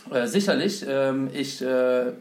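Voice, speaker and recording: A man's voice: medium pitch, a little slow. A German man hosting a casual talk about investing, who explains step by step with many fillers. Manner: thoughtful, frequent fillers, lecturing tone. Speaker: host. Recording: echoey room.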